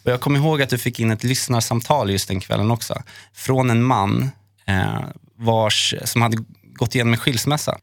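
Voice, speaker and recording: A man hosting a podcast, telling a personal memory in an earnest, halting way with many fillers. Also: mid-range voice, gravelly, dry recording, studio quality. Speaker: podcast host. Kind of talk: personal storytelling in a chat.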